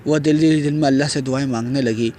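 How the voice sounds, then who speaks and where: A man narrating an audio novel in a steady storytelling manner. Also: mid-range voice, slight background noise. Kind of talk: reading a novel aloud.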